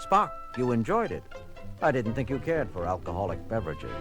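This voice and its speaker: A confident, wry starship captain, played by a man. The voice is medium in pitch and very animated, set over clear music in a science-fiction audio drama. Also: brisk. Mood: wry, commanding. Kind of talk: sci-fi audio drama acting.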